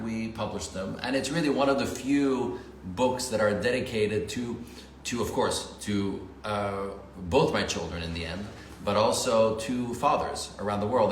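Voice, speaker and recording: A middle-aged man from Paris and Geneva, whose first language is not English, chats casually, halting and thoughtful with many fillers. His voice sits low, in a reverberant room with a faint hiss behind him. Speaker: co-host, film director. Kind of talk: casual livestream chat. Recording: echoey room with faint noise.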